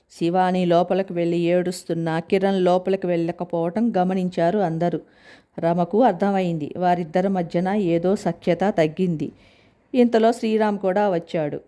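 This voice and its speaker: Low-voiced woman reading a story. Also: normal speed. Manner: steady, plain storytelling. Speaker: narrator. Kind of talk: reading a family story aloud.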